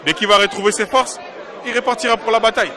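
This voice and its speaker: A man's voice: high voice, fast talker, a crowd in the background. A man from Congo, a diaspora political activist, answering interview questions in an emphatic, insistent way and repeating his points.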